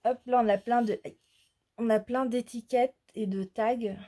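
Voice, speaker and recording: A woman chatting casually as she shows off her crafting haul, pausing often and searching for words. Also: a little high, steady tone, mellow. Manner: slow, hesitant, many fillers. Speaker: crafting vlogger. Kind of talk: casual haul show-and-tell.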